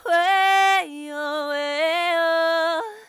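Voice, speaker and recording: A woman's voice: very high-pitched, fairly even intonation, very slow, a bit bright, no room sound, studio quality, faint music behind. A woman singing short repeated vocal ad-libs, her voice heavily distorted and fuzzy. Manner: short repeated sung syllables. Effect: heavy fuzzy distortion on the vocal. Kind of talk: sung vocal ad-libs as a demo take.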